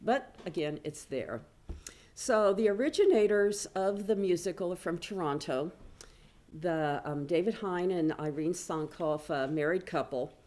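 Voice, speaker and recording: A woman's voice: lowish voice, measured pace, darkish tone. A woman, a business professor, giving a chatty conference presentation with slides and self-deprecating asides. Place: conference room.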